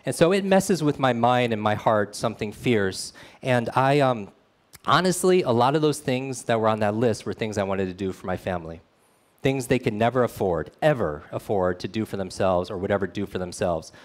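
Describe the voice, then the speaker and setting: A man's voice: lowish voice, moderate pace. A man giving a motivational storytelling talk at a meetup, earnest and speaking straight to the audience.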